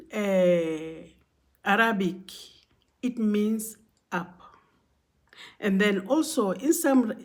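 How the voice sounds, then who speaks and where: Slow-talking woman telling a story. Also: mid-range voice, darkish tone. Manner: conversational, repeats phrases, many "you know" and "and then". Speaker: vlogger telling a workplace story. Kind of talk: casual storytelling.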